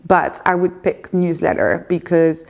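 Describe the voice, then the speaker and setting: This thirtysomething woman speaks with a French accent in a fairly low, creaky voice, expressive and unhurried. Recorded facing a camera at home, she takes viewer questions in a loose, unscripted Q&A, sometimes hesitating.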